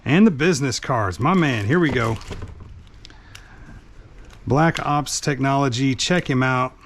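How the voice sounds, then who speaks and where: Casually narrating a practical job while working on it, this man, a vlogger who drives trucks, speaks in an unhurried, mid-range voice. Work sounds fill the background.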